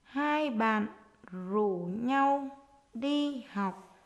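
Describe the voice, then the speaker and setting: A woman with a fairly high voice is dictating to young schoolchildren. She goes extremely slowly, giving a few words at a time and repeating them as a teacher does in a writing lesson. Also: animated. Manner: dictating short phrases slowly, word by word, repeating each.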